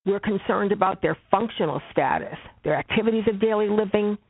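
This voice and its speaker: Measured social worker presenting by phone. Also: medium pitch, slightly rough, no room sound. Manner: measured, deliberate, emphatic repetitions. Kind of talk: webinar presentation with slides. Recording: phone-like narrow band.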